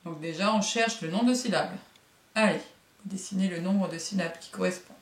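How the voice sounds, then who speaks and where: A woman teaching young children a phonics lesson, stretching out syllables and sounds slowly and clearly. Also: lowish voice. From France. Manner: slow, drawn-out syllables, sings sounds. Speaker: kindergarten teacher. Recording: echoey room, voice from a distance.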